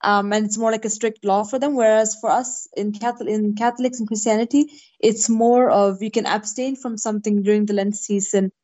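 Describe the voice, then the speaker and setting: A woman's voice: mid-range voice, fairly even intonation, fairly quick, mellow. A woman originally from India, speaking as a podcast guest in a friendly, reflective way over a remote call. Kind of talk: casual podcast chat.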